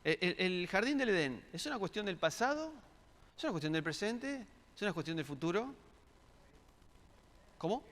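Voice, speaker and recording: A man's voice: high voice, very animated, moderate pace, pauses often, fairly bright tone. A man preaching a sermon in a church, asking the congregation questions and repeating words as he searches for them. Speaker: pastor. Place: church hall. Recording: church hall reverb.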